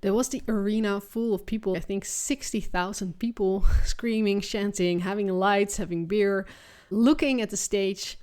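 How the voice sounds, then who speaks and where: A woman's voice: mid-range voice, fairly even intonation, moderate pace, a little mellow, clean tone. A woman from the Netherlands with a Dutch accent, hosting her own podcast as a business coach and talking to listeners in an earnest, encouraging way that often restarts its sentences. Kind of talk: solo podcast monologue.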